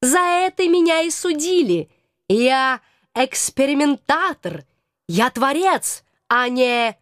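Audiobook: woman reading a touchy, self-important male scientist, nervy and huffy, high voice. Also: expressive, slow pace, no room sound, clean studio sound. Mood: nervous boastful. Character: jittery runaway male scientist, touchy and boastful.

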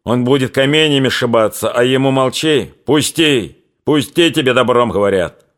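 A man voicing a rough, stubborn Cossack sergeant speaking gruff dialect, in an audiobook reading. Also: mid-range voice, moderate pace, fairly bright tone, pitched above the performer's own voice, natural voice. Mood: resisting.

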